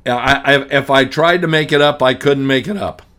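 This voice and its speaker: A man's voice: medium pitch, moderate pace, a bit bright. A middle-aged man hosting a radio talk show as an estate planning attorney, ranting emphatically and hammering points through repetition, with frequent restarts. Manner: frequent restarts, blunt and grumpy.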